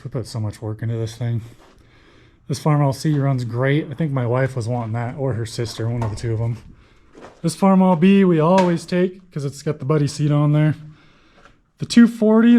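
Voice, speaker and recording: A young man chatting casually as he walks through his barn and shop showing off old tractors, folksy and quick to correct himself. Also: on the high side, mellow, a little hiss or hum, low-quality recording. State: out of breath. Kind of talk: casual walkthrough talk.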